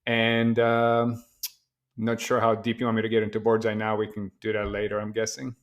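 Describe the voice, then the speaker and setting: Flat-toned man, relaxed and hesitant. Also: lowish voice, normal speed, muffled recording. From Poland. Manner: relaxed, hesitant with many fillers. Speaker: guest, tech company founder. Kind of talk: casual interview conversation.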